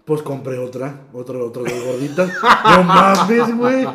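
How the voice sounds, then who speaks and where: A young man with a northern Mexican accent telling a story in casual, slang-heavy chat, often trailing off quietly at the ends of lines. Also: mid-range voice, very animated, normal speed, noisy background. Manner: slangy, drops "güey" constantly, trails off quietly. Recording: echoey room.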